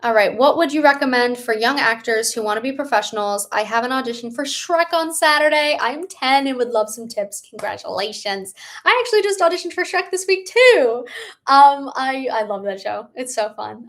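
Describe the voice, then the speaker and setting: A young adult woman hosting a casual livestream, answering viewer questions in a bubbly, chatty manner. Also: on the high side. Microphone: live stream setup.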